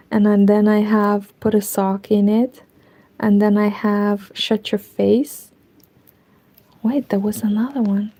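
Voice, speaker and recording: A Romanian-accented woman with a mellow, medium-pitched voice knits on stream in a curtained room at home. She chats casually with viewers, rambling, talking to herself, and often slipping into a whisper.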